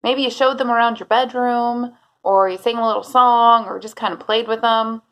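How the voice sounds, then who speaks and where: Higher-pitched woman teacher addressing children, assembly-style. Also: steady tone, a bit bright. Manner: cheery sing-song greeting, asks questions and pauses for answers; casual, chatty, talks directly to pupils by name. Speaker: preschool teacher. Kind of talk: addressing young children like a school assembly speaker.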